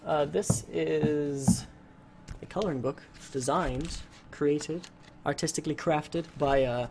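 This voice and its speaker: A man casually commentating his own let's-play, with blunt, sweary jokes. His voice sits a bit high. Faint noise hums under the recording. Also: slow, creaky. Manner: blunt, sweary, joking reactions. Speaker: gaming channel host.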